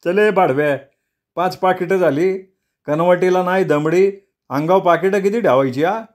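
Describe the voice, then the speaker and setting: An irritable middle-aged shopkeeper who snaps and mutters, his voice pitched well above the reader's own, as a male storyteller puts him on. He sounds annoyed and put-upon, gives way grudgingly and keeps complaining. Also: slow, a little mellow. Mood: scolding. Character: grumbling middle-aged male paan-shop keeper.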